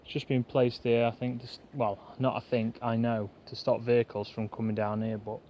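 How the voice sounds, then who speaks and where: Fast-talking man rambling outdoors. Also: mid-range voice, little pitch movement, a little hiss or hum. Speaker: bushcraft vlogger. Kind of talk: casual rambling chat to camera. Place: outdoors in a pine woodland. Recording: dull lo-fi outdoor recording, faint woodland ambience.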